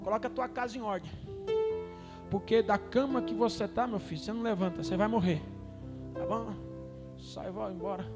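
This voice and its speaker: A man with a Brazilian accent voicing the prophet Isaiah, a stern male figure who delivers bad news bluntly and who talks fast and flustered at other moments. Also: sits high, pitched below the performer's own voice. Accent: Brazilian Portuguese. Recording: music in a reverberant hall.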